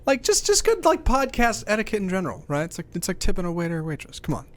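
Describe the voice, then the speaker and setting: Joking man co-host, lively swooping pitch, quick quips. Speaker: podcast co-host. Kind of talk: casual podcast chat.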